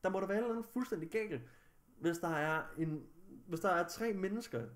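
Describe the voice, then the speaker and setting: A young man vlogging, recounting a personal story in an agitated, angry way with heavy swearing. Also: high voice.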